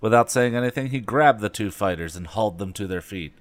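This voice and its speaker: Low-voiced man reading, dry sound. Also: brisk, dry recording. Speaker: podcast co-host. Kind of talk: casual chat and reading aloud.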